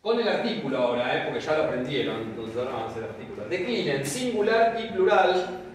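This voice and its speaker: A man teaching a Greek class in a lively, explanatory way, often checking with his students. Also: mid-range voice, fast, recorded from a distance, crowd noise. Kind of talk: classroom lecture. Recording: very echoey room, voice off-mic, faint ambience.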